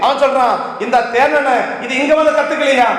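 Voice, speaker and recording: A man's voice: very high-pitched, fairly even intonation, a little fast, fairly bright tone. A man preaching a sermon to a congregation, firing off rhetorical questions one after another. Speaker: pastor. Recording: echoey hall reverb.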